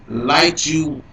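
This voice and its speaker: A man's voice: fairly high pitch, sharp tone, a little hiss or hum. A man talking casually on a live stream, his voice coming through with a clangy robotic glitch from his computer, loose and profane and repeating himself a lot. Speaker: livestream host. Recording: robotic, echoey, distant computer mic.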